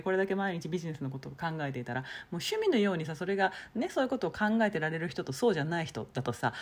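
A woman hosting a solo talk show, chatting casually and deliberately dropping in Nagoya dialect and thinking pauses. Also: mid-range voice, slightly rough. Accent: Nagoya dialect touches. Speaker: podcast host.

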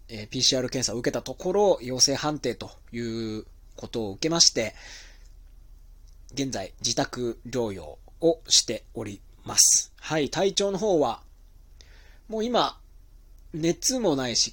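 A man hosting his own talk show as a pro wrestler, rambling casually on his own with a slightly stuffy, nasal voice from being ill. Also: medium pitch. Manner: chatty, rambling, with many fillers. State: stuffy nose, a bit nasal while recovering from illness. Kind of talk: casual solo monologue.

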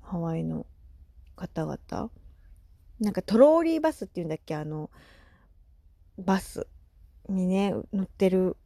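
A woman in her thirties chatting casually on her solo podcast, animated and laughing often, with soft asides. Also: fairly low pitch, measured pace, vocal fry, long pauses, no room sound, clean studio sound. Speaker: podcast host.

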